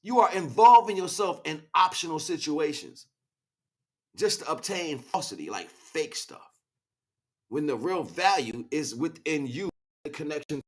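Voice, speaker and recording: A man with a slightly high, sing-song voice speaks at an unhurried pace. He's hosting a casual livestream, chatting back to viewers in a slangy, rambling, preachy monologue full of passion.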